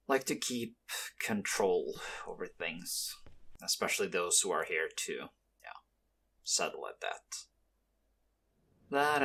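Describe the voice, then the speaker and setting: This ASMR roleplay features a man as a young mafia henchman, tired, wary and quietly kind, addressing the listener hesitantly and in a low-key way. His exaggerated voice is creaky and slightly rough.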